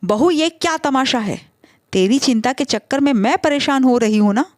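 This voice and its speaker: A woman voicing an irritable elderly mother-in-law who scolds her daughter-in-law in a shrill, exasperated way. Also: lively intonation, moderate pace, no echo, studio quality. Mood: shrill anger.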